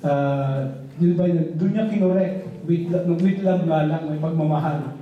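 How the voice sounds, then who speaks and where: A man's voice: on the high side, unhurried, narrow, tinny audio. A male pastor preaching a sermon in a church, in a loose conversational style with rhetorical questions. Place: church hall. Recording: echoey hall, voice from far off.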